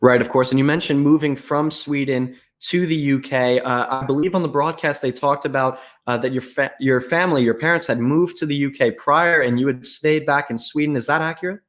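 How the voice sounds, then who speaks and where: A man interviewing a fighter over a call, asking polite, measured questions with occasional "uh" fillers. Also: mid-range voice, fairly even intonation, a bit bright.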